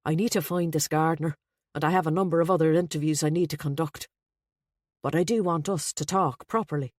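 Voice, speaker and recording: A woman reading the lines of a reserved, earnest male police sergeant in an audiobook, measured and businesslike. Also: deep voice, fairly even intonation, a little mellow, dry recording, studio quality.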